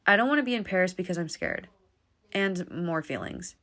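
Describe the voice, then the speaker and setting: A woman reading personal journal entries aloud in a quiet, subdued, confessional way. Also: lowish voice, animated, normal speed.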